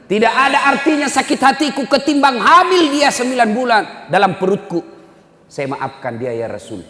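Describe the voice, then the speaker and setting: A man's voice: medium pitch, fairly even intonation, brisk, natural voice. A man voicing an old mother who cries out and pleads for her son. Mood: tearful. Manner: crying, pleading out loud. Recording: echoey hall.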